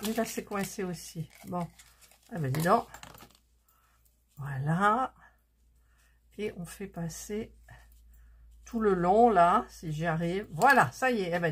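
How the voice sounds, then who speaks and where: A woman with a lowish, slightly bright voice and a breathy edge chats away to her viewers. She's a vlogger unpacking and testing her purchases, handling the items as she talks through the haul.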